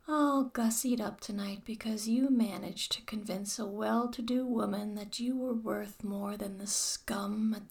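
A woman playing a slow, whispering taunting ex-dominatrix. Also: medium pitch, a little mellow. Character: mocking, controlling former dominatrix woman, cold and teasing. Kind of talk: whispered audio roleplay addressed to the listener.

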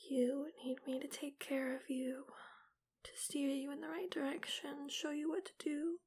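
A woman whispering slowly and teasingly in an ASMR roleplay, right up close to the mic. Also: high voice, level tone. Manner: soft breathy whisper, slow and teasing. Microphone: close mic, right at the ear.

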